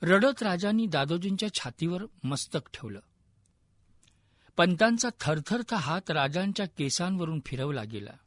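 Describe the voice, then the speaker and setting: A male narrator reading a historical novel aloud in a steady, measured way. His voice is high for a man and his pace is slow and deliberate. The sound is close and very dry. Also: no room sound.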